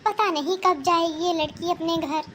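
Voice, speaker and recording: A woman's voice: extremely high pitch, moderate pace, fairly bright tone, slight background noise. Woman voicing a scolding cartoon mother-in-law. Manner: scolding, lecturing. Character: older scolding mother-in-law, sharp-tongued but fair. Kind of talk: cartoon voice acting.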